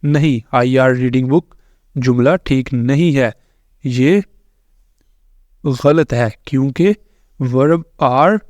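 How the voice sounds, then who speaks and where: A man, explaining English grammar and pronunciation slowly and repetitively in a tutorial. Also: mid-range voice, a little mellow, no room sound. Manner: slow, repetitive explaining with frequent fillers. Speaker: English teacher. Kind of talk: screen-recorded tutorial explanation.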